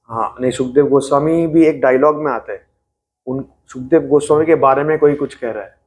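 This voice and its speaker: A man's voice: mid-range voice, brisk, a little mellow. A man teaching an interactive scripture class, talking in a conversational way, mixing in English and quizzing his listeners. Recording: echoey room.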